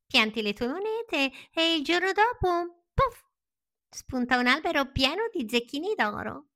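A woman's voice: high-pitched, big pitch swings, sharp tone, pitched above the performer's own voice, full character voice. Woman putting on a sly honey-voiced fox. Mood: coaxing. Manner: honeyed, coaxing, drawn-out. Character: sly sweet-talking female fox.

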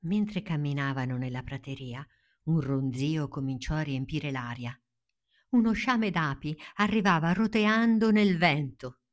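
Soft spoken woman reading a bedtime fairy tale, deep voice, takes it slow. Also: lively intonation. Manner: gentle, soothing, dropping to a hush in tense moments. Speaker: storyteller. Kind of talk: scripted storybook narration.

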